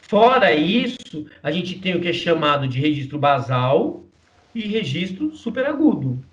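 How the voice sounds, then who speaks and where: A man's voice: a little high, big pitch swings, a little slow, fairly bright tone. A man with a Brazilian Portuguese accent teaching a voice lesson, explaining patiently, often checking in with his listener, and demonstrating vocal registers. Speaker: singing teacher. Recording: distant mic, dull muffled sound.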